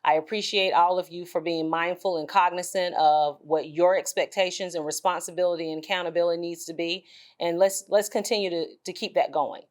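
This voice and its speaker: A woman with a fairly low voice addresses students as a school administrator. Her delivery is informal but firm, with emphatic, deliberate phrasing and pauses between points. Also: steady tone. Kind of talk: informal school announcement speech.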